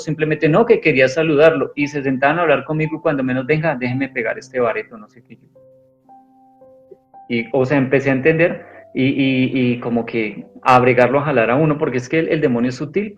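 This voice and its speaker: A man giving an earnest personal testimony in an interview, rambling with many restarts. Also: medium pitch. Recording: dull lo-fi sound with faint music.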